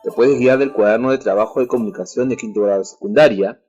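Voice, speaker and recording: A man with a Peruvian Spanish accent teaches a school lesson on the radio, explaining each point slowly and speaking to the students directly. His voice is mellow and a little husky. The sound is dull and lo-fi, with faint music underneath. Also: fairly low pitch. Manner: clear, deliberate explaining, addressing students directly.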